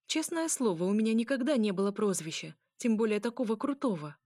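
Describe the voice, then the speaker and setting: A woman voicing a brash young noble mermaid woman, loud and commanding, laughing often. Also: medium pitch, animated, brisk, no echo, clean studio sound, close to an everyday voice. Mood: boisterous.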